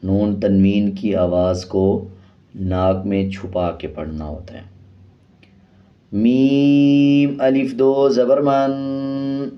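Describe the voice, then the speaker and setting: A man teaching Quran reading, chanting syllables slowly in a drill and explaining rules in quick asides. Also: medium pitch, flat delivery, lo-fi sound. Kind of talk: slow drilled recitation lesson.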